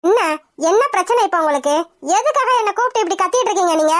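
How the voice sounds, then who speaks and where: A performer voicing a sharp-tongued, defiant young wife who talks back in a village cartoon. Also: extremely high pitch, expressive, fast talker. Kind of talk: cartoon voice acting.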